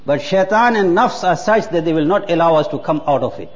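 A man's voice: a little high, expressive, brisk. A man, preaching a sermon earnestly and repeating words for emphasis. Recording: muffled hall with long reverb.

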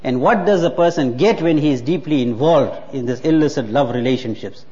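Earnest preacher in an echoing hall. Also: male voice, medium pitch, a little fast, warm tone. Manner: earnest, exhorting, repeats words for emphasis. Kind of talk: sermon. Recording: muffled hall with long reverb.

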